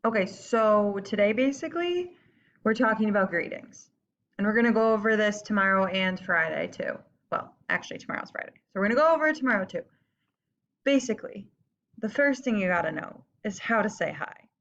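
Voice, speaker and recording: A woman teaching a recorded online lesson in a casual, upbeat way, slowing down to model words for students to repeat. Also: mid-range voice, expressive, fairly bright tone. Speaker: Spanish teacher. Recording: slightly dull lo-fi audio.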